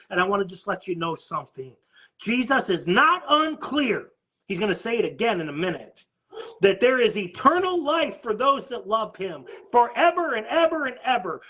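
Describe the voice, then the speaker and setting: A man with a strikingly high voice delivers an urgent, emphatic sermon as a pastor, stumbling over repeated words as he presses on. The recording sounds dull and lo-fi. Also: bright, forceful tone.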